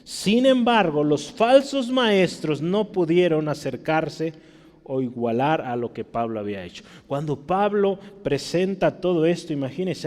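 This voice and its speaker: A man's voice: fairly high pitch, a little mellow. Mexican guy preaching, chatty teaching tone, keeps asking the crowd, long hall echo. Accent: Mexican Spanish. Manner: conversational teaching, frequent tag questions. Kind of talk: sermon.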